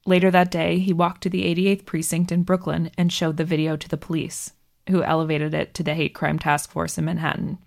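A woman narrating a true story in a measured, scripted delivery. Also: low-pitched, level tone, vocal fry.

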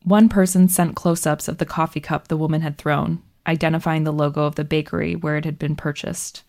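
Female narrator, deep with vocal fry, measured scripted news storytelling. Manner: measured, even storytelling delivery.

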